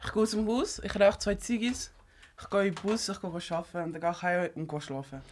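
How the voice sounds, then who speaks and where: Excitable young woman. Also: fairly low pitch, fast, a little hiss or hum. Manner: excitable, laughs often, mixes in English slang. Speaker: radio show co-host. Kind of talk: casual radio chat.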